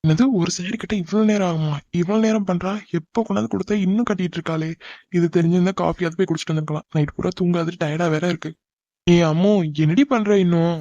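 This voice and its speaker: Exasperated and pleading, a cartoon hero is voiced by a man with a Tamil accent in animated dub acting. He talks fast in a high, mellow voice with a steady tone. The lo-fi recording is dull and dry, with no room sound.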